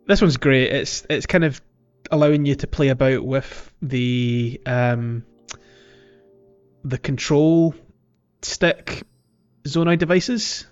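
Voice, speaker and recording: With a smooth, medium-pitched voice and a slow pace, a man hosts a podcast, joking around casually about games and tending to chuckle. Music plays in the background, and the audio is slightly muffled.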